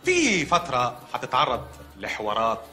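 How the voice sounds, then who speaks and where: An actor playing a calm, matter-of-fact doctor with an Egyptian accent, in a comedy film. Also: male voice, medium pitch, moderate pace, soft background music. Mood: deadpan. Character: deadpan male doctor delivering odd news.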